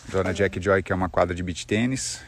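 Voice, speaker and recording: Relaxed young man vlogging outdoors. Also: low-pitched, brisk. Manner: relaxed, easygoing, teasing. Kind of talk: casual vlog chat. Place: outdoors on a country estate.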